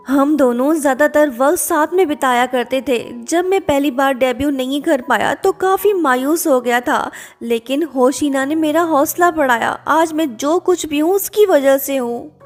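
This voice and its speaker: A woman voicing a guilt-ridden young male pop idol, speaking in a quiet, remorseful way. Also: high voice.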